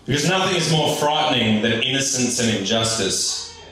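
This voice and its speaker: A man's voice: medium pitch, lively intonation, moderate pace, pushed and bright. A man performing slam poetry with a declamatory delivery. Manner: declamatory, first-person declarations. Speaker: slam poet, competitor. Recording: very echoey hall, distant microphone.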